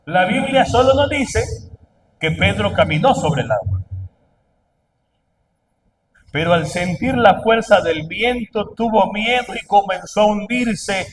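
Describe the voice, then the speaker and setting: A man preaching a sermon, asking the congregation questions and building to loud, emphatic calls. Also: high voice, animated, measured pace, recorded from a distance, a little hiss or hum, rough recording. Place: church.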